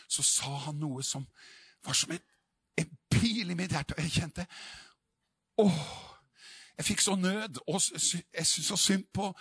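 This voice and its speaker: A man's voice: fairly high pitch, fairly bright tone, slightly rough, no room sound, clean studio sound. A man preaching a sermon in a fervent, emphatic way.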